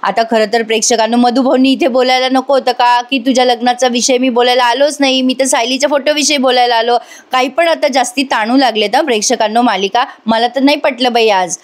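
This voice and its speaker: High-voiced chatty Marathi woman recapping. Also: fairly even intonation, brisk. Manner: chatty, retells scenes and quotes characters with running commentary. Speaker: serial review narrator. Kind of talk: voice-over episode recap.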